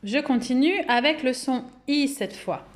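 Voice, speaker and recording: Slow, patient woman teaching young children. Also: high-pitched. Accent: French. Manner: slow, clear, patient, syllables drawn out and repeated. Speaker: kindergarten teacher. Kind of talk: remote phonics lesson for young children.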